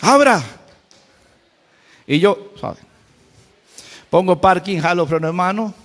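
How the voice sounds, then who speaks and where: A man's voice: sits high, slow. A male pastor with a Costa Rican accent preaching a sermon, colloquial and humorous with emphatic storytelling. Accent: Costa Rican Spanish. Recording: church hall with long reverb.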